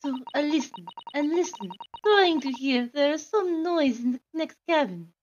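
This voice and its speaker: A woman voicing a nervous female passenger in a mystery game, speaking in a put-on Russian accent with a hesitant, halting manner. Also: high voice, sing-song, dull audio, a little hiss or hum. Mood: anxious.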